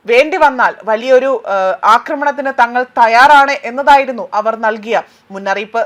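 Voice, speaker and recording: A woman with a high, light voice reads a scripted news report. Her delivery is steady and emphatic, with occasional hesitations mid-sentence as she presses on through the story. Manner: steady emphatic reading with occasional filler pauses. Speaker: news presenter.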